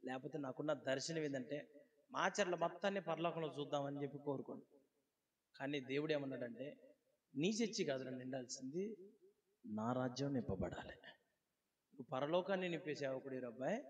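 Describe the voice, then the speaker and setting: A male pastor delivering a sermon, asking the congregation rhetorical questions and moving between quiet pleading and loud exclaiming. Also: fairly high pitch, highs cut off. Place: church hall. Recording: long hall reverb.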